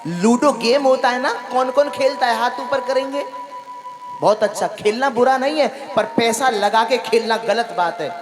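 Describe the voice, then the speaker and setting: A man's voice: very high voice, normal speed, music in the background. A man preaching a devotional sermon, quizzing his audience with call-and-response questions and repeating phrases for emphasis. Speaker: katha preacher.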